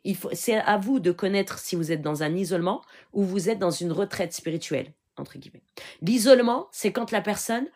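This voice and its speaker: A woman's voice: on the low side, a little mellow. A woman giving an earnest, instructive live question-and-answer talk. She switches often between French and Arabic and keeps checking in with her listeners. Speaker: spiritual healer answering questions.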